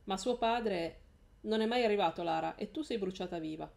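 A woman voicing a jealous, menacing villain man as she reads a novel aloud, in a slow, taunting delivery. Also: mid-range voice, creaky, darkish tone, lightly acted.

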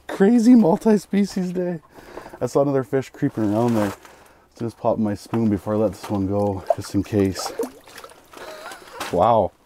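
A man in his thirties giving excited running commentary while ice fishing inside a small shelter. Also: mid-range voice, measured pace, long pauses, noisy background. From Canada. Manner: excited running play-by-play, chuckling. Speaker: fishing vlogger. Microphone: camera clipped to his cap and a fixed camera.

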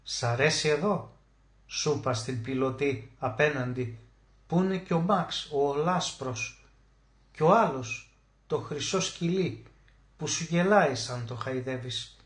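A man narrating a literary short story as an audiobook, emotive, slowing down to stress key words. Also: on the high side. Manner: emotive, with slow drawn-out emphasis on key words. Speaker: audiobook reader. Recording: roomy echo.

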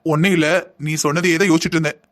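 A patient, thrifty husband in a cartoon drama, played by a man, lecturing his wife in long explanations. He talks in a very rapid stream on a fairly high voice. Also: natural voice. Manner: calm lecturing, explaining at length. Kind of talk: Tamil cartoon voice acting.

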